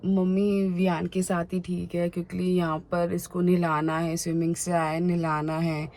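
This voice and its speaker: A woman's voice: fairly low pitch, little pitch movement, normal speed, darkish tone. A woman, chatting frankly and openly in a casual family vlog while feeling unwell. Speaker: family vlogger.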